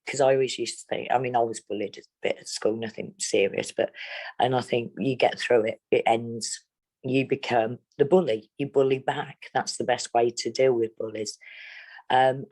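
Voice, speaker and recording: A woman's voice: a bass voice, fairly even intonation, darkish tone. A middle-aged woman from England, speaking bluntly and steadily as an interviewee. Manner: blunt, plain-spoken, measured. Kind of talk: candid interview.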